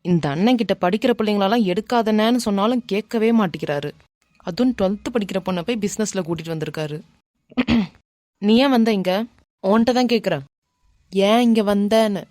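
A woman voicing a brash, bossy but softhearted young man in a cartoon, muttering to himself and scolding, with a Kanyakumari Tamil accent. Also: mid-range voice, a little fast, no echo, clean studio sound, natural voice. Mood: gentle. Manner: mutters to himself, scolds then turns gentle. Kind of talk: animated cartoon dialogue.

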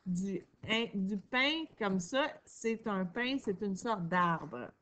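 A woman with a Québécois accent teaching a reading lesson to children, sounding out words slowly and praising answers. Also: mid-range voice, animated, a bit bright. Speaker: primary school teacher.

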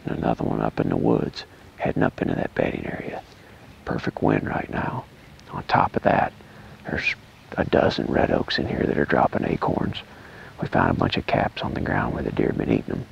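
A man quietly narrating a hunt from a tree stand in the woods, much of it half-whispered. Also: low voice, gravelly, a little hiss or hum. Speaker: hunting vlogger.

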